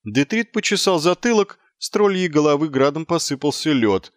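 Lively male audiobook narrator. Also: a little high, normal speed, no echo, clean studio sound.

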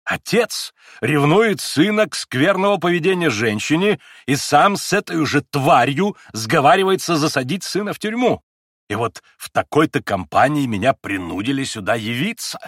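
Man voicing a formal indignant gentleman, heated, slightly raised pitch. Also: big pitch swings, brisk, pauses often, dry recording, clean studio sound, exaggerated voice. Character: indignant proud gentleman, humiliated.

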